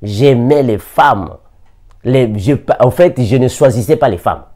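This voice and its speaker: A man's voice: medium pitch, animated, unhurried, a little mellow. A man from Africa preaching a sermon, repeating scripture references and reading verses with emphasis.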